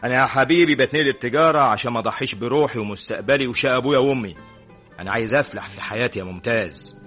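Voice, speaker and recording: An actor with an Egyptian accent playing a self-assured, earnest young student who talks emphatically, in a classic radio drama. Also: male voice, medium pitch, rapid-fire, fairly bright tone, faint music behind, natural voice. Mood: emphatic. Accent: Egyptian Arabic. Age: young adult. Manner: emphatic, repeated denials. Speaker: student friend.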